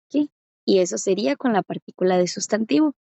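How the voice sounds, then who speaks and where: A woman's voice: mid-range voice, animated, vocal fry, dark tone, no echo. A woman gives a patient classroom lesson, stretching out example words and often checking that her students follow. Her voice is close and dry. The sound is slightly muffled. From Costa Rica. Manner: patient, slows down to spell out examples with rising checks. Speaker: Korean language teacher.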